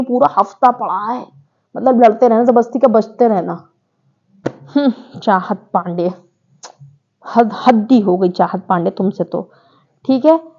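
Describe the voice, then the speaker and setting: A woman's voice: fairly high pitch, darkish tone, dull audio. A woman giving a chatty, opinionated recap of a reality show, talking straight to her viewers. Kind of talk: casual recap commentary.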